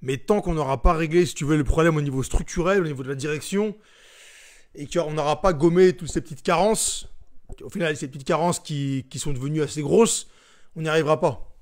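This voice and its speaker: A man's voice: a little high, brisk. A young man hosting a casual live stream, reading viewer comments aloud and answering them in a chatty, informal way.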